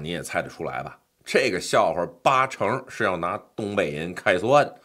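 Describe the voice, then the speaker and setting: An English pronunciation teacher, a middle-aged man whose low voice has a fairly bright tone, narrates a scripted lesson voice-over. He jokes with the viewer through playful asides.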